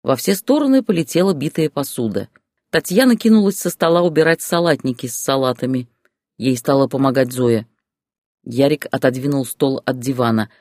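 A man narrating an audiobook story in a steady, expressive reading. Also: medium pitch, moderate pace, dry recording, studio quality.

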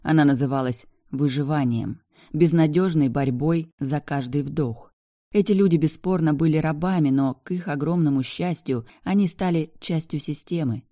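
An audiobook narrator reading a novel in a steady, even way. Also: mid-range voice, normal speed, no echo, clean studio sound. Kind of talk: scripted narration.

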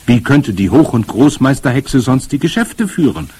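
A man reading aloud plays a spirited, determined old grandmother who speaks in a brisk, emphatic and commanding way. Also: mid-range voice, big pitch swings, darkish tone, husky, pitched above the performer's own voice. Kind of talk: audiobook character voice.

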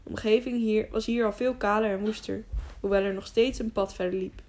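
A woman reads a storybook aloud in a calm, steady voice. Her pitch sits right in the middle of the range for women. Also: a little fast. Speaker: audiobook narrator. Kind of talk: scripted narration.

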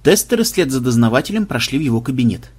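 A man narrating an audiobook with expressive storytelling delivery. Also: mid-range voice, fast talker, slightly rough.

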